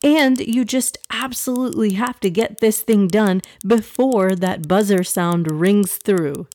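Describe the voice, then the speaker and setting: A woman hosting and narrating for children in an expressive fireside storytelling style, speaking straight to young listeners. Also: medium pitch, a little slow, a little hiss or hum.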